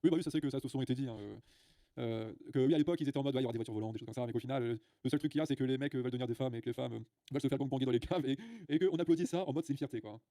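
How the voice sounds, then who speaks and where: A man's voice: medium pitch, rapid-fire, warm tone, no echo, clean studio sound. A man hosting a livestream, ranting bluntly to his viewers with many filler sounds and restarts. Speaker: livestream host. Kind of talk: casual livestream rant.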